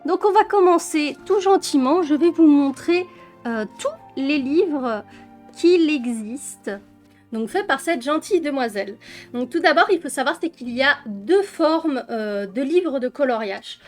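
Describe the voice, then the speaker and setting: Over faint background music, a French woman presents coloring books in a chatty flip-through vlog, full of fillers and affectionate little words. Her high-pitched voice is expressive, unhurried, and somewhat dark in tone.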